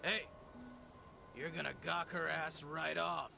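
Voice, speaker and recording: An actor playing a cranky, sleazy shop boss in a video game, barking orders with contempt. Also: male voice, fairly high pitch, fairly even intonation, takes it slowly, creaky, exaggerated voice. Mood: gruff. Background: game music.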